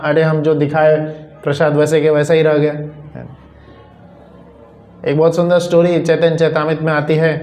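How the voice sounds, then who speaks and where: A man's voice: fairly high pitch, a little mellow. A male preacher telling a devotional story in a sermon, repeating phrases for emphasis. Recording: roomy echo.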